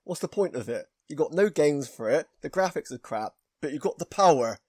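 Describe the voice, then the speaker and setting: A man's voice: a little high, animated, a little fast, darkish tone, breathy edge, no room sound, clean studio sound. A man co-hosting a podcast, joking crudely and laughing often in casual banter. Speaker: podcast co-host.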